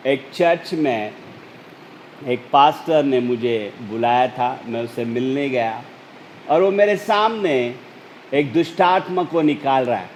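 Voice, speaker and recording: A male pastor preaching a sermon, slow and emphatic, rising to urgent peaks. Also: fairly high pitch, slight background noise, rough recording.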